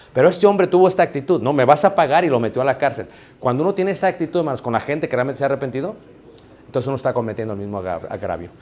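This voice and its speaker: A male preacher with a fairly high voice delivers his sermon like a chat with the congregation. He keeps asking rhetorical questions and calling his listeners brothers as he makes his points. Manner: repeatedly addresses listeners as brothers.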